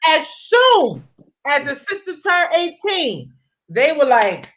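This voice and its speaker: A young woman hosting a live online conversation, animated and laughing often as she talks. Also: high voice, takes it slowly. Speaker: host.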